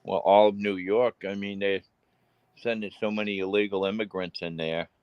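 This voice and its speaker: A man's voice: fairly low pitch, steady tone, normal speed, a little mellow, smooth, no echo, dull audio. A man with a Boston accent in casual chat on a live stream, rambling with many restarts.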